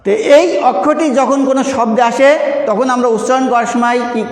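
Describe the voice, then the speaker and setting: A man's voice: extremely high pitch, a little fast. A male teacher with a Bangladeshi Bengali accent giving an online class, explaining step by step and asking his students questions that he then answers himself. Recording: echoey room with long reverb.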